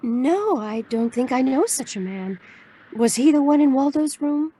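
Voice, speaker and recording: A woman's voice: sits high, lively intonation, a little slow, warm tone, slight background noise. A woman playing an anxious, restrained client of a private detective in a noir audio drama.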